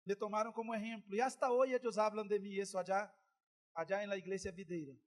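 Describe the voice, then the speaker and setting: Middle-aged male preacher, very high pitch, storytelling sermon that swells into loud exhortation. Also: fairly even intonation, fast talker. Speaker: pastor.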